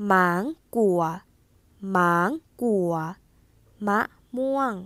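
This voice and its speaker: A woman teacher leading a pronunciation drill, saying each word twice in an emphatic, drawn-out way. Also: mid-range voice, a bit bright, no echo, studio quality. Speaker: language teacher leading a repeat-after-me drill.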